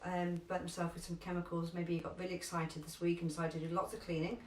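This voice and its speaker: A woman's voice: on the low side, flat delivery, background noise. Chatty first aid teacher woman, echoey room. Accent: London English. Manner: chatty, emphatic, repeats key instructions slowly. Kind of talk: live online first aid class. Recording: echoey room, distant from mic.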